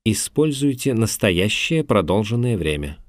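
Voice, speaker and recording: A man with a low, deep voice narrates a scripted language lesson in a measured, instructive way. He is very animated, his pitch rising and falling a lot as he explains, and the recording is dry and close with no room sound.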